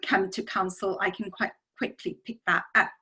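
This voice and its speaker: A woman's voice: medium pitch, flat delivery, normal speed, bright, forceful tone, low-quality recording. A middle-aged woman from Bangladesh, a city councillor, speaking on a video call panel in a rambling way full of ums and you-knows. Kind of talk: panel discussion.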